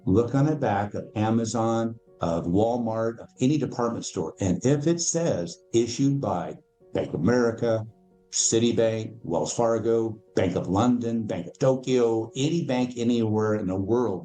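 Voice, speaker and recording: Low mellow guy on a podcast, talks with emphasis and acts out other people, faint music under him. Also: a little slow. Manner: emphatic storyteller, acts out quoted voices. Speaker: podcast guest, financial educator. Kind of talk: casual interview explanation.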